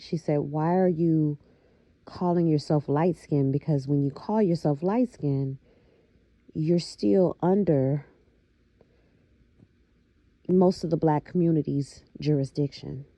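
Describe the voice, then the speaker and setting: A woman vlogger talking reflectively to her viewers, with a slow, thoughtful manner and many soft fillers. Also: low-pitched, no room sound, dull audio. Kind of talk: casual talking-to-camera monologue.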